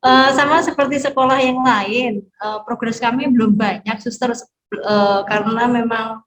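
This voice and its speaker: A woman's voice: a little high, steady tone, measured pace, a bit bright. A woman from a school speaking in an online meeting, her voice echoing around the room she is in, hesitant with many fillers. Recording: echoey room, slightly distant, faint noise.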